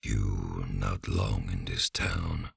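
A man voicing a huge, slow-witted male troll musician who speaks slowly in broken grammar with a gravelly rumble. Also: little pitch movement, no echo, studio quality, heavily acted. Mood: suspicious.

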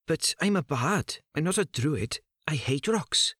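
A jittery young bard, as a male narrator puts him on, pitched up high with a lively, bouncing melody. His slightly husky voice hurries through eager, anxious replies in a dry storybook reading. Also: unhurried, no room sound, heavily acted.

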